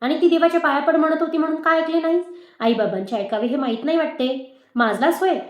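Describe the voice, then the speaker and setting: A woman reading a storybook, voicing a village father who commands his son loudly. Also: high-pitched, quick pace, roomy sound, pitched above the performer's own voice, natural voice. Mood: angry. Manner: loud, commanding. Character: angry then gentle village father.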